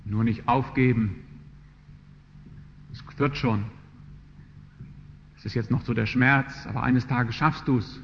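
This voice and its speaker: A man's voice: mid-range voice, steady tone, takes it slowly, creaky, long pauses. A man preaching a sermon in an earnest manner, building to emphatic passages. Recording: dull lo-fi sermon recording with hall reverb and faint background noise.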